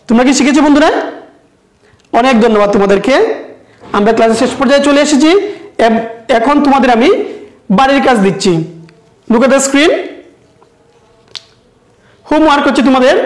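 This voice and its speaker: A woman teaching an English lesson to young pupils, chanting rhymes slowly and asking coaxing questions. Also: high-pitched. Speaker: primary school English teacher. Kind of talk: televised classroom lesson. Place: school classroom or studio. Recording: roomy echo.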